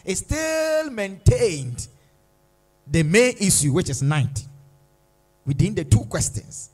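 Male pastor, slow dramatic sermon delivery, voice rising and falling a lot. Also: high voice, very animated, darkish tone. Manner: slow, emphatic preaching with dramatic repetition. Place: church.

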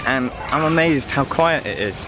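A man's voice: medium pitch, lively intonation, normal speed. A young man in his twenties, chatting upbeat and playful to a handheld camera while walking around a city. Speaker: travel vlogger. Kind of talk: casual vlog narration. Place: outdoors on city streets and in shops. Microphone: handheld camera at arm's length. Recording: loud street noise behind.

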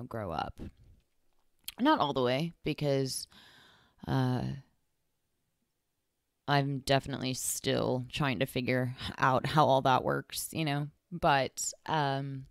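A young woman with a very deep voice talks slowly through a solo podcast, wandering off and correcting herself as she goes. The sound is dry and close, with no room around her. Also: smooth, dry recording. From Texas. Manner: rambling, lots of fillers and self-corrections. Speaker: podcast host. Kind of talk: casual solo podcast monologue.

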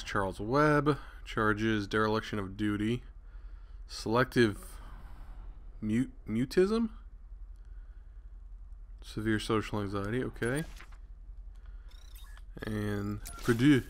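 A man chats his way through a video game with loose, irreverent commentary and frequent swearing. His voice is bright and forward, and his talk is casual and offhand. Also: on the low side. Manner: chatty, irreverent, swears freely. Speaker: gaming channel host.

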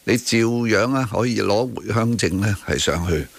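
With a voice on the low side, vocal fry, and a moderate pace, a Hong Kong Cantonese-accented man hosts talk radio from the studio. He makes emphatic arguments about current events, leaning on rhetorical tag questions and mixing in some English.

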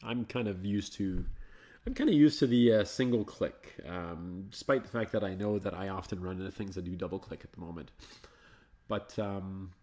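A man hosting a live Linux show, chatting casually and thinking aloud as he installs and explores software, coaxing slow programs along. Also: low voice. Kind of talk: casual live screencast commentary.

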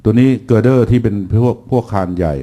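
A middle-aged man giving an engineering seminar lecture, relaxed and full of fillers, with dry jokes for the class. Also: medium pitch, normal speed.

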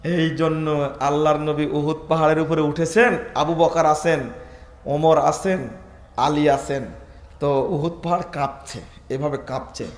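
High-pitched preacher guy, dramatic storytelling sermon, big echoey hall. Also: steady tone, measured pace. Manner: dramatic storytelling, swinging from hushed to shouted.

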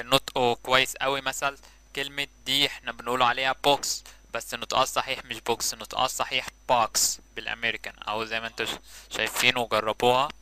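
A man's voice: medium pitch, noisy background. Egyptian man explaining a tutorial. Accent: Egyptian Arabic. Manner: relaxed, explanatory, with fillers. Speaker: tutorial presenter. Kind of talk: casual screen-recorded tutorial.

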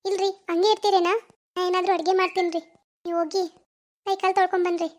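A woman voicing a gentle young village wife in a cartoon, with a North Karnataka accent and a soothing, reassuring manner. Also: very high-pitched, little pitch movement, quick pace, dry recording. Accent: North Karnataka Kannada.

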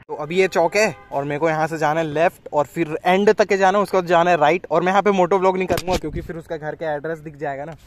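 A man's voice: on the high side, a little hiss or hum, low-quality recording. A young man from India with a Chhattisgarh Hindi accent, chatting casually to his viewers while riding a motorbike and walking down a street. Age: young adult. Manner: chatty, addresses viewers as guys. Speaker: vlogger. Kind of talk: casual vlog chat. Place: outdoors on a motorbike and in a residential street. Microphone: action camera on bike and handheld selfie camera.

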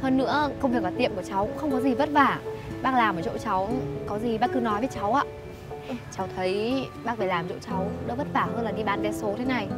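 A woman's voice: a little high, fast talker, natural voice. A woman playing a kind young noodle shop owner who speaks politely and reassuringly. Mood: gentle. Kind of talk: web drama acting. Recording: background music.

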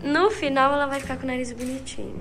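A woman's voice: sits high, steady tone, fast. Upbeat woman narrating vlog. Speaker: vlogger. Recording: vlog clip over background music.

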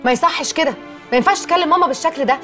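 A woman's voice: high voice, racing, bright, forceful tone, faint music behind. An actress with an Egyptian accent playing a young wife who coaxes her husband and soothes her mother. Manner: coaxing, soothing, mildly reproachful. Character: chatty young wife, coaxing peacemaker. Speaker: wife and daughter.

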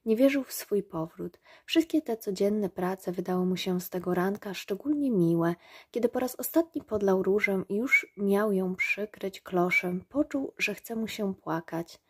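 A woman narrating a storybook aloud in a calm, measured way. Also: mid-range voice, breathy edge. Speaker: reader. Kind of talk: audiobook narration.

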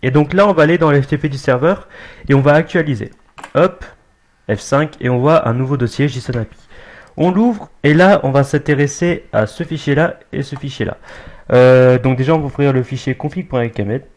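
A young man giving a casual screen-recorded software tutorial, hesitant, with many fillers and restarts. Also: medium pitch, brisk. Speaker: tutorial maker.

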